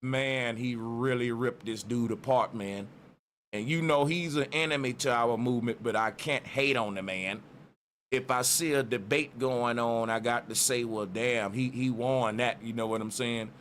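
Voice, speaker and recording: A man's voice: medium pitch, normal speed, a bit bright. Streetwise man doing conspiratorial exposé commentary, noisy background. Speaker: online commentary host. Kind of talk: casual opinionated commentary to viewers. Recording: noticeable background noise.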